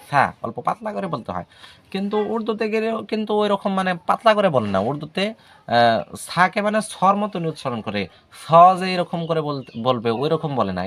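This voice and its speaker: A man's voice: a little high, fairly bright tone. Patient man teaching letters. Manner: patient, repeats letters aloud slowly with hesitations. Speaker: language teacher. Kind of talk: casual video lesson.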